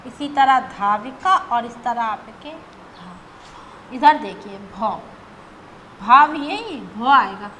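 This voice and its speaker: A woman's voice: fairly high pitch, expressive, drawn-out words, pauses often, bright, forceful tone, slight background noise, rough recording. A woman teacher explaining grammar step by step, patient, who often checks in with her students as she goes.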